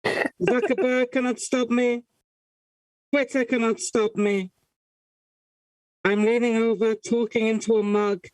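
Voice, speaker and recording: A pompous masked basement hacker, as a man puts him on for a comedy panel, talking into a mug so every word sounds muffled and cupped. He makes slow, grandiose proclamations in a dry, close voice. The pitch sits somewhere between a man's and a woman's range. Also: fairly even intonation, dry recording. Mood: defiant. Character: self-important masked male online hacker who lives in a basement.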